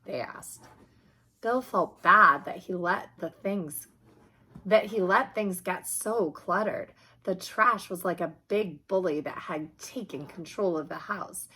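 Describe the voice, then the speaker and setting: A woman with a slightly husky, medium-pitched voice reads a children's picture book aloud. Her storytelling is expressive and emphatic.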